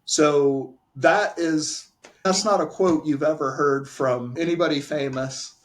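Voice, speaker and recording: A man's voice: fairly high pitch, slow. A man, a pharmacy owner, giving candid and emphatic answers in a casual interview. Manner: candid, emphatic, restarts phrases.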